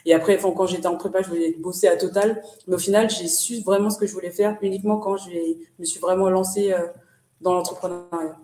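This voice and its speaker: A woman's voice: on the low side, fairly even intonation, fast talker, warm tone. Chatty young woman, distant roomy audio. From Paris region, France. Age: 20s. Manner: casual, chatty, slangy. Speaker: guest entrepreneur. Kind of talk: casual interview answers. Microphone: shared webcam on video call.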